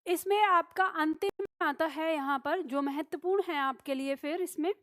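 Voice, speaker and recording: Woman, teacher, high-pitched, dry close sound, lecturing, explains step by step. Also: normal speed, a bit bright, no room sound. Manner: explanatory, repeats key points with "ठीक है?". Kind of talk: classroom lecture.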